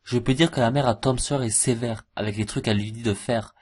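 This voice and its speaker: Over background music, a man hosts an informal cartoon review as a video voice-over, joking, mocking and using slang. His medium-pitched voice is steady, a little mellow and husky, and he talks fast.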